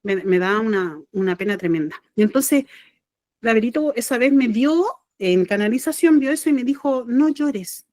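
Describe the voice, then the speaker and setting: A middle-aged Chilean woman with a fairly high voice tells a personal story in casual spiritual talk. She rambles, restarts her sentences and speaks from the heart. Her voice sounds close and dry, with no room around it. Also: animated, normal speed, a little mellow, no echo. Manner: rambling, self-correcting, heartfelt. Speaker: spiritual channeler and podcast host.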